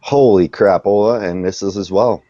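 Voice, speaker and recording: A man narrating a tabletop game as game master, casual and quick to exclaim at bad rolls. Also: lowish voice, dark tone, no room sound, dull audio.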